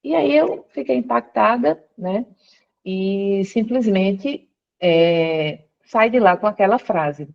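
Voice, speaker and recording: A woman's voice: mid-range voice, slow, gravelly, highs cut off. A woman, a guest on a call from her workplace, telling her conversion story and acting out what others said. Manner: storytelling, quoting others with lively voice shifts. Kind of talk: conversion testimony interview.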